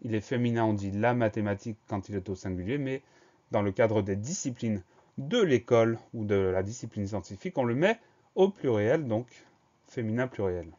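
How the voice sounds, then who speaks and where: A man teaching a spelling lesson, slow and careful, breaking words into syllables and spelling them letter by letter. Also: lowish voice, animated, warm tone, dull audio.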